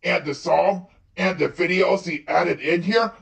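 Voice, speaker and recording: A woman voice actress chatting casually and slowly, laughing often as she reacts to a video. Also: lowish voice, gravelly, recorded from a distance. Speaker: voice actress reacting to a fan-made premiere. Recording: roomy echo, off-mic, faint music behind.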